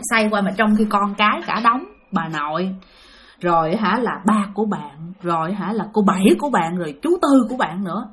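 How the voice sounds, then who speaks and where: A woman telling a spiritual story, speaking directly to her listeners. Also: mid-range voice. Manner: talks to listeners directly, animated.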